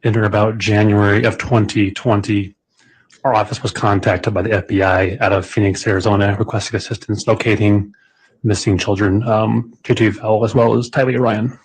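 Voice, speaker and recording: A man's voice: on the low side, little pitch movement, normal speed, husky, rough recording. A man testifying as a witness, giving brief matter-of-fact answers, heard on a courtroom recording. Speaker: witness, federal special agent.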